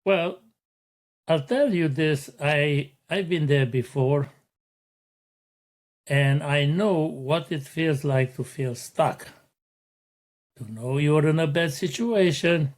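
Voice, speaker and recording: A middle-aged Romanian man hosts his own motivational podcast, speaking slowly and deliberately. His voice sits a little high for a man, and he lays out each point with earnest, unhurried care.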